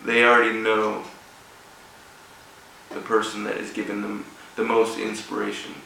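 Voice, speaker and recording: A man with a fairly low, gravelly voice speaks from a distance in a very reverberant room. He delivers an informal speech in halting, broken phrases. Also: monotone, pushed and bright. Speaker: guest speaker at a rugby club event. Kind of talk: informal motivational speech with personal story. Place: echoey room, speaking before an audience. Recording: echoey room, distant mic, faint noise.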